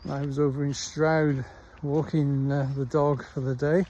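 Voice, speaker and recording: Out on a countryside dog walk, the Welsh middle-aged man talks into his phone in a fairly high, mellow voice with flat delivery. His chat is rambling and leisurely, broken by frequent pauses, with slight background noise.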